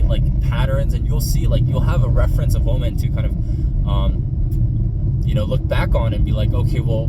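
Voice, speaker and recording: A man with a slightly high voice talks as a casual coach in a rambling, halting way, circling back over his own phrases. He sounds off the mic, with loud road and vehicle noise all around him. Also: recorded from a distance. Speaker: dating coach. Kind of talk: casual coaching monologue to camera. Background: loud road traffic and vehicle noise.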